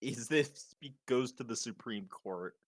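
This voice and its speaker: A man's voice: medium pitch, a little slow, no echo. A man chatting casually in a group conversation.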